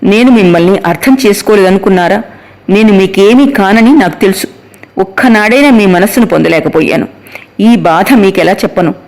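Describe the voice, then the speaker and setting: A man voicing a devoted young wife who pleads through tears in an audiobook, his voice raised high and sobbing. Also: normal speed. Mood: tearful pleading. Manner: pleading, breaking with sobs. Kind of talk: audiobook character voice.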